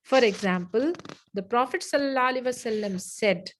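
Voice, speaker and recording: A woman leads an online lesson, speaking in a somewhat high voice. She dictates slowly and repeats phrases so her students can take notes. The sound comes through a video call. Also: poor audio. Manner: slow, repetitive dictation with frequent "okay". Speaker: Islamic studies teacher.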